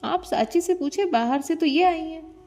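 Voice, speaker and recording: A woman's voice: extremely high pitch, moderate pace, dark tone, pitched above the performer's own voice. A woman voicing a playful, teasing young woman who makes jokey excuses and stammers when caught, in an audio love story. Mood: cheeky.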